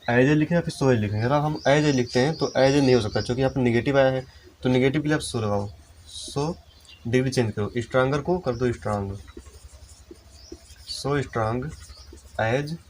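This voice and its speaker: A man teaching English grammar in a lesson, explaining step by step and slowing down to dictate example sentences. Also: mid-range voice, a little hiss or hum. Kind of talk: Hindi-language classroom lesson.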